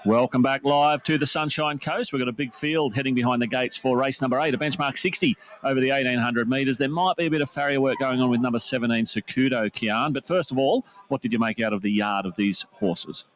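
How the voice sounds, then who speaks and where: A man's voice: mid-range voice, a little fast, hardly any pauses. A man hosting a horse racing broadcast, talking through form and his tips. He keeps it chatty and light, with a storyteller's jokey touch. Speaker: racing presenter.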